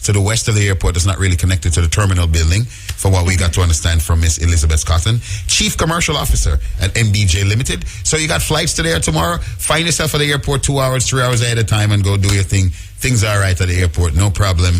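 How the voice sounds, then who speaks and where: A man's voice: on the low side, fast talker, hardly any pauses, faint music behind. A man hosting a radio show, chatting casually with playful jokes. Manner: playful, joking, animated. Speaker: radio host.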